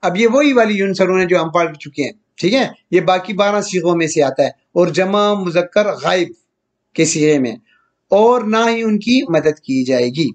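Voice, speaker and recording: A man with a high voice, well above the usual male range, teaching a grammar lesson at an even, patient pace. He keeps putting questions to his listeners and answering them himself. He reads each example out slowly and often stops to check that they follow. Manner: draws out Arabic examples slowly and deliberately; often checks in with "theek hai". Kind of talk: recorded grammar lecture.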